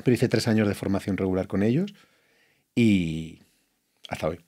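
A middle-aged man from Spain with a fairly low voice, talking as an interview guest. He tells his stories with lively asides, acts out what people said, and stops to restart his sentences. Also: normal speed. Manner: anecdotal storytelling, acts out quoted lines, frequent restarts. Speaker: actor guest. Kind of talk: casual interview chat.

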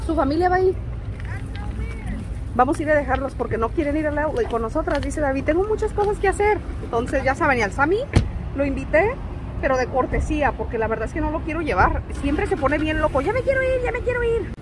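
Over crowd noise and a steady background hum, a middle-aged woman with a Mexican Spanish accent vlogs in a high, slightly fast voice. She's chatty and playful, teasing the viewers she addresses.

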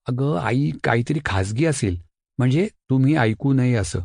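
A man voicing an eager, mischievous schoolboy who talks in a bright, pleading, chatty way. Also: mid-range voice, expressive, moderate pace, creaky, dry recording, clean studio sound. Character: mischievous helpful schoolboy, eager and quick-witted.

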